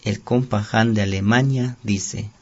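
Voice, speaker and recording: A man's voice: lowish voice, steady tone, a little slow, faint music behind. A man with a Mexican accent presents a radio programme from a script as its host. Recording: dull lo-fi radio sound.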